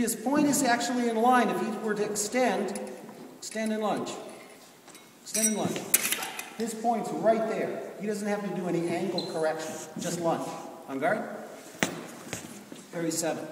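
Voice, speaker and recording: A man with a fairly high voice leads a fencing drill as the coach. He gives instruction in crisp, clipped commands. He is heard from off in a very echoey hall, with clear noise behind him. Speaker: fencing coach teaching a group lesson. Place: large reverberant indoor hall, recorded from a distance. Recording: echoey hall, distant mic, loud background noise.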